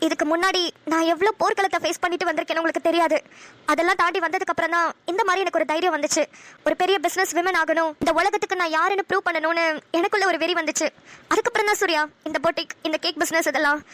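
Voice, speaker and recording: A woman voicing a kind young businesswoman who gently comforts a friend in a cartoon. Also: very high-pitched, steady tone, quick pace, no echo. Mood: caring, concerned. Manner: soft, soothing, caring. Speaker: cartoon voice actor. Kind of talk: Tamil cartoon dialogue.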